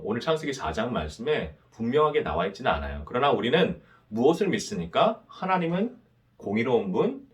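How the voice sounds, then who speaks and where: Preaching to a young adults' service, a male pastor with a mid-range voice poses rhetorical questions and has the congregation repeat after him.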